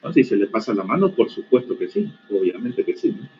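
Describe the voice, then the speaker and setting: A man's voice: medium pitch, big pitch swings, brisk, a little hiss or hum. A man giving an online medical lecture in a stern, corrective teaching manner, answering student questions. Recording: dull lo-fi call audio.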